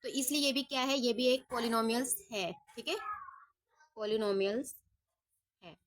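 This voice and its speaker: A woman's voice: sits high, brisk, a bit bright, slight background noise. A woman maths teacher working through problems step by step, patiently asking questions and answering them herself. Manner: patient, asks and answers her own questions, says ठीक है often. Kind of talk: step-by-step lesson.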